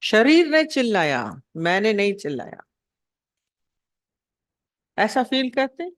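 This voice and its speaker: A woman's voice: medium pitch, very animated, slow pace, no echo, studio quality. A woman spiritual teacher giving a devotional discourse. She asks rhetorical questions, repeats her points and acts out short anecdotes.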